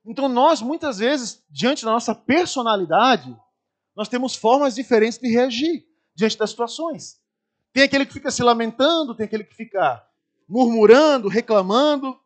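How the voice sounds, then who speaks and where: High-voiced Brazilian preacher telling stories. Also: male voice, moderate pace. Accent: Brazilian Portuguese. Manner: lively anecdotes, acts out screaming people. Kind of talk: storytelling sermon.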